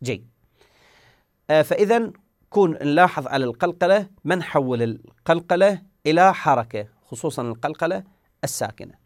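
A man's voice: a little high, no echo, studio quality. A man teaching a Quran recitation lesson. He asks questions and answers them himself, and sounds out letters to demonstrate.

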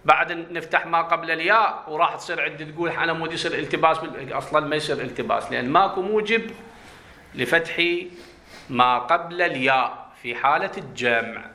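A man's voice: fairly high pitch, brisk, sharp tone. A man with an Iraqi Arabic accent giving a grammar lesson, explaining at length, repeating his points and checking that his students follow. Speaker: teacher.

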